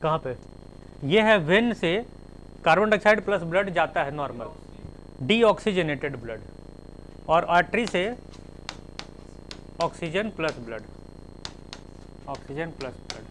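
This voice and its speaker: A man's voice: fairly high pitch, lively intonation, unhurried, pauses often, a bit bright, slight background noise, poor audio. A male teacher giving a classroom lecture, spelling terms out letter by letter and explaining with everyday examples.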